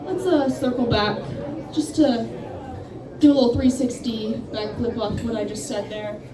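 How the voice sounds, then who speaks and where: A young woman, a stand-up comic, rambles through a self-deprecating set at a campus coffeehouse, speaking into a handheld mic with a slightly high, steady voice at normal speed. The recording is noisy and echoey, picked up by a distant room mic, with a crowd audible behind her.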